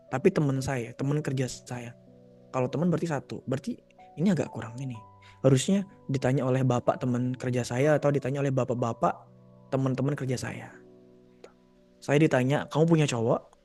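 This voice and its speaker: With a mid-range, slightly mellow voice, this man runs a live question-and-answer session for young people. He reads each question and gives relaxed, straightforward advice, slipping into mock voices when quoting.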